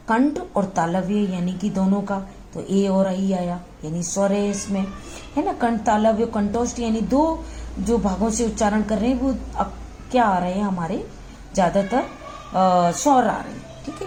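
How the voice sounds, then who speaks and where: A woman teacher walks her listeners through a lesson, pausing to sound out each letter and asking if they follow. Her voice is mellow and soft-edged. A faint hum of room noise sits behind her. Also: medium pitch. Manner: patient, repetitive, checks in with "ठीक है" often; models sounds slowly and aloud. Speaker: Hindi grammar teacher. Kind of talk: classroom lesson explanation.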